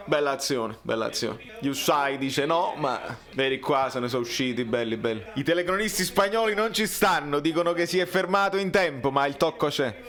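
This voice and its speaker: A man with a Neapolitan accent giving an excitable, casual live football reaction, complaining theatrically in colloquial street slang. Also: high voice. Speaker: football fan reacting to a match.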